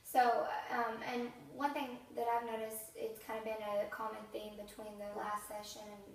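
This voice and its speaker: A woman playing a counselor in a counseling role-play, calm and reflective, asking gentle questions. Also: fairly high pitch, normal speed. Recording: very echoey room, mic far off, faint hiss.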